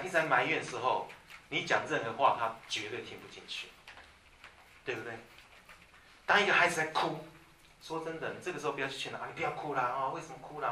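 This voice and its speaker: A man delivers a sermon in a crisp, bright voice. He moves between soft, intimate asides and loud, emphatic lines. He sounds roomy and a little distant from the mic, with faint ambience behind him. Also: medium pitch, a little hiss or hum. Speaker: preacher. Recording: echoey room from a distance.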